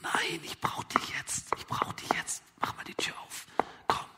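A man's voice: unhurried, sharp tone. A man voicing a pleading friend knocking at night, in a whispered role-play with urgent, insistent hissing.

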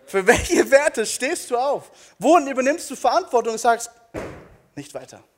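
Ein junger Mann predigt energisch auf einer Bühne vor Publikum und stellt dem Publikum eindringlich rhetorische Fragen. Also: male voice, very high voice, animated, normal speed. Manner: emphatic, rhetorical questions to the audience. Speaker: preacher. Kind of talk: energetic youth sermon. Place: stage before a live audience.

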